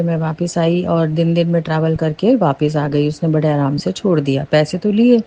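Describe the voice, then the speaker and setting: A middle-aged woman telling a personal devotional testimony in an earnest storytelling way that rises with excitement. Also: medium pitch.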